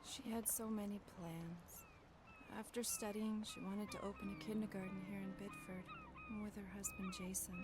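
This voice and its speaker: A woman's voice: mid-range voice, huge pitch swings, normal speed. An actress playing a grieving young woman in a video game, telling her story earnestly and sorrowfully. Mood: sad. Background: game music.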